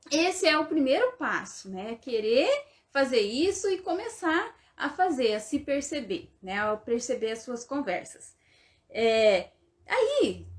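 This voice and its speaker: High-voiced Brazilian woman therapist. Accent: Brazilian Portuguese. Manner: conversational, constant tag questions like "né?" and "tá?". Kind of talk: casual coaching talk.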